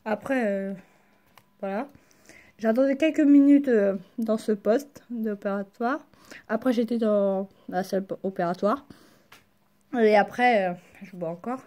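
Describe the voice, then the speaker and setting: A young woman chats casually in a vlog, halting and slangy, speaking carefully with a sore mouth after wisdom teeth removal. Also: on the high side, dark tone. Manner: halting, slangy, searching for words. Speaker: vlogger. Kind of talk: casual personal storytelling to camera.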